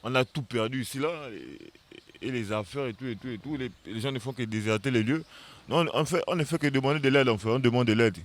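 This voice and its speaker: A man, a local resident in a street interview, speaking in a weary, halting way. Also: mid-range voice. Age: 30s. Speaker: flood-affected resident.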